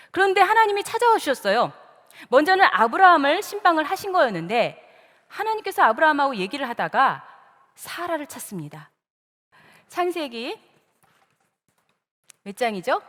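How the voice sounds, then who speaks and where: A woman's voice: high voice, very animated, moderate pace, pauses often, a bit bright. A woman giving a Bible lecture as a story, asking rhetorical questions and acting out the lines of the people in it. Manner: acts out quoted lines dramatically, rhetorical questions. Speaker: Bible teacher. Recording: long hall reverb.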